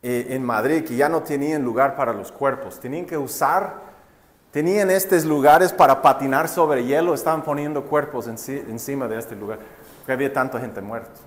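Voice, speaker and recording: A male pastor with a mid-range voice preaches a sermon at a moderate pace, telling a story. He often poses rhetorical questions to the congregation and calls them brothers and sisters.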